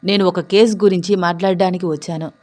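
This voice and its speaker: A woman's voice: fairly low pitch, steady tone, quick pace, a little mellow, lightly acted. A woman voicing a bold young male police officer who speaks firmly and seriously. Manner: firm, serious, fearless.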